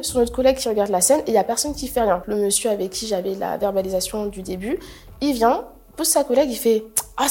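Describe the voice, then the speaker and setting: A woman's voice: a little high, slightly rough. A young woman telling her own story in casual testimony, acting out the people she quotes. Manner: animated storytelling, acting out others' quoted lines. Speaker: person recounting a personal ordeal. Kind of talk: casual first-person testimony.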